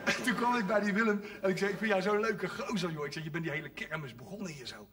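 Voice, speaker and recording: A man's voice: high-pitched, fast talker, recorded from a distance, background noise. A man telling a comic story on stage, doing the voices of the characters as he goes. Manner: animated, voices characters, frequent audience laughter. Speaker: cabaret performer telling a story. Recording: live stage recording from afar, audience audible.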